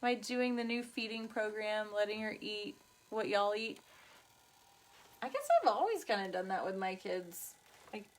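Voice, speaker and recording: A woman's voice: mid-range voice, animated, normal speed, a little hiss or hum, low-quality recording. A woman, chatting casually as host of a craft livestream and reading out viewer comments. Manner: chatty, bubbly, says y'all, reads out viewer comments. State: tired, busy mother. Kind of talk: casual chat on a live video.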